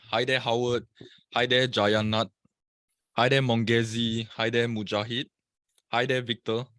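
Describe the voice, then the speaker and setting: A man's voice: mid-range voice, fairly bright tone, dry recording, clean studio sound. A man from Singapore presenting a live trading webinar, chatting and greeting viewers by name over a computer mic.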